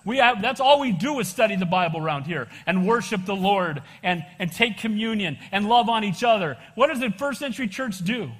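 A man's voice: high-pitched, expressive, fairly quick, few pauses. An older American man preaching an evangelical sermon as a pastor, exhorting his congregation with conversational asides and frequent calls for amens. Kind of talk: evangelical sermon, expository Bible teaching. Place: large church room, preaching to congregation. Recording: echoey hall with long reverb.

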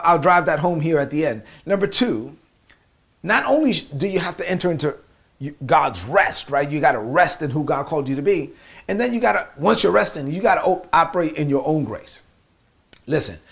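Gravelly Brooklyn-accented male preacher. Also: fairly high pitch, fairly bright tone. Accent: Brooklyn New York. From Brooklyn, New York. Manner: emphatic, repeats key phrases and rhymes. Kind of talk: motivational sermon.

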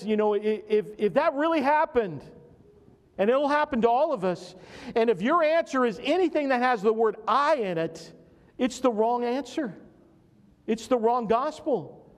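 A man preaching a sermon to his congregation as pastor, earnest and fond of repeating phrases for emphasis. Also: high voice. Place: church sanctuary. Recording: long hall reverb.

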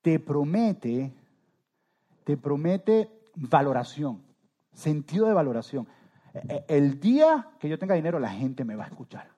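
A man preaching a sermon as pastor, rising suddenly to loud emphatic peaks and trailing off softly at the ends of phrases. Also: fairly high pitch, sing-song, a little slow, highs cut off.

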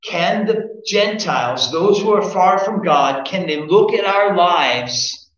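A man's voice: sits high, lively intonation, slow, a bit bright. A man preaching a sermon, earnest and direct, asking his listeners pointed questions. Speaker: pastor. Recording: echoey muffled room recording.

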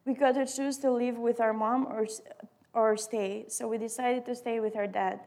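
Young Albanian-accented woman, higher voice. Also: fairly even intonation, moderate pace, a little mellow. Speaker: student sharing testimony. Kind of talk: read-aloud personal testimony.

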